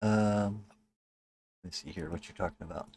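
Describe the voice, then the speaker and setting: A man's voice: low-pitched, moderate pace, a little mellow, husky. A man running a tabletop game as game master, casual and loose, with swearing and laughing asides.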